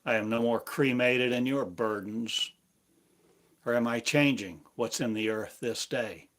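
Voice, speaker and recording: This prophetic sermon comes from a man voicing God, speaking slowly and with solemnity while pausing long between phrases. His pitch is medium and his tone fairly bright.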